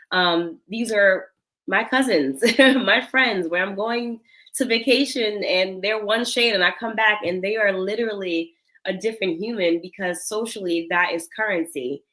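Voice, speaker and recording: A Senegalese woman in her thirties, founder of a cosmetics company, is interviewed as a guest and speaks earnestly and reflectively, laughing lightly at times. Her voice is medium-pitched and a bit bright, and the audio quality is poor.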